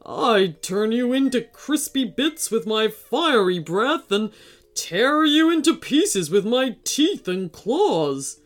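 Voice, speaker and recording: A woman's voice: a little high, big pitch swings, slow. A woman voicing a big, boastful male dragon who bellows threats. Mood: menacing. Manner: loud, blustering threats.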